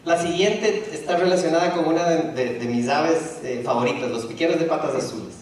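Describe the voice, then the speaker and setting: A man's voice: fairly high pitch, fairly quick, slight background noise. A middle-aged man from Ecuador giving a public lecture in a university auditorium, speaking hesitantly with frequent restarts and fillers. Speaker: speaker presenting a talk. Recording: echoey hall, distant from the mic.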